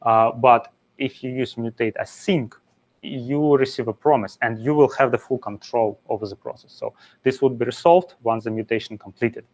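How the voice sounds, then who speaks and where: A man's voice: medium pitch, moderate pace. Man giving a technical meetup talk. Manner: explains step by step with frequent "uh" fillers. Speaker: conference speaker. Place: meetup venue.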